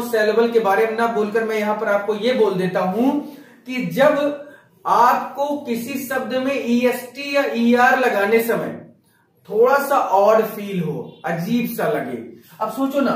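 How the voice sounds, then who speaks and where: A man with a Hindi accent teaching an English grammar lesson, explaining step by step and asking rhetorical questions as he goes. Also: extremely high pitch. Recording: echoey room, voice from a distance.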